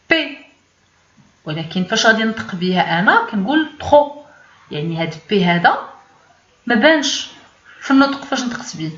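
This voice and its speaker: A woman's voice: fairly high pitch, fairly bright tone. A woman with a Moroccan accent teaching a beginners' language lesson, explaining patiently and repeating words. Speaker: French teacher. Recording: echoey, dull lo-fi room sound.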